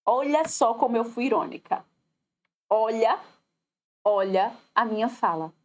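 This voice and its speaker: A woman's voice: fairly high pitch, lively intonation, measured pace, a little mellow. A woman teaching a recorded online lesson with a Brazilian Portuguese accent, who talks straight to her students and acts out the voices she quotes.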